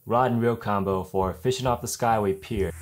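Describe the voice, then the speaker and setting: A young man vlogging casually to camera, chatty and relaxed, often tossing in "man". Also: fairly low pitch, moderate pace. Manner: laid-back, chatty, says "man" a lot. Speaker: fishing vlogger. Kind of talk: casual gear talk to camera. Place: small indoor room with blue wall. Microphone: camera-mounted shotgun mic.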